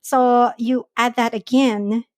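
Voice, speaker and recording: A woman's voice: on the high side, steady tone, takes it slowly, no echo, studio quality. A woman from the Philippines hosting a podcast, talking in a thoughtful, friendly, casual way. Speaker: podcast host. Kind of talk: casual conversation. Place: at home in Singapore.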